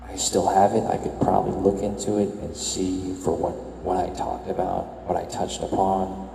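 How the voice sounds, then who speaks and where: A young man murmurs a soft, low-key voice-over in a deep, flat, gravelly voice that hardly rises or falls. He talks slowly and hesitantly, correcting himself as he muses. The voice carries an echo with a long reverb tail over faint ambient sound. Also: slight background noise. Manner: hesitant, self-correcting musing. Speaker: video game tour vlogger. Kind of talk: soft-spoken reflective voice-over.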